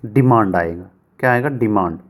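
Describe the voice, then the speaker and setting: A man teaching English grammar for exam prep in Hindi, who asks questions and answers them himself and reads example sentences out slowly, word by word. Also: lowish voice. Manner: asks and answers his own questions, repeats answers.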